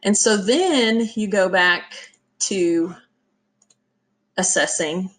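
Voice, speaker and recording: Woman teaching emergency vet stuff, punchy, keeps asking okay? right?, mid pitch. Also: extremely slow. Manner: emphatic, checks in with "okay?" and "right?". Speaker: veterinary emergency instructor. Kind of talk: conversational lecture.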